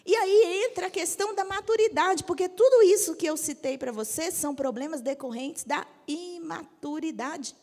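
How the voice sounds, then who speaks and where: A woman's voice: very high-pitched, a little mellow. A woman in her fifties, a Methodist bishop, preaching directly and often asking the audience if they agree. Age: 50s. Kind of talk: sermon. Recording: long hall reverb.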